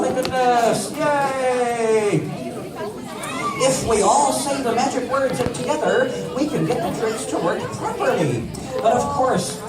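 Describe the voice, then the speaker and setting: High-voiced man, playful kids' party magician. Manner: kids' party magician patter, playful, exclaiming, repeating phrases. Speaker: children's magician. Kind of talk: live magic show for young children. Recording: echoey room, distant mic, loud crowd. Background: loud audience of children.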